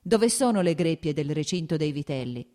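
A woman's voice: low-pitched, expressive, moderate pace, warm tone. A woman reading the part of a short-tempered landowner man who fires off impatient, scolding questions.

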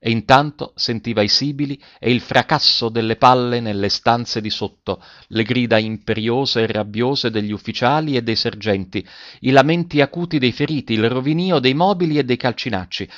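A man narrating a classic story as an audiobook, in a measured and expressive way, in a dull lo-fi recording. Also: medium pitch, no echo.

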